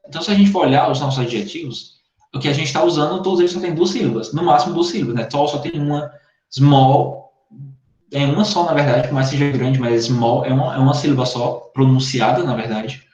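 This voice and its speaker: A man teaches an online English class in Brazilian Portuguese, explaining patiently and checking in with students again and again. His voice is medium-pitched, a little fast and a little mellow. It comes through a computer mic on a video call, with echoey, dull lo-fi audio.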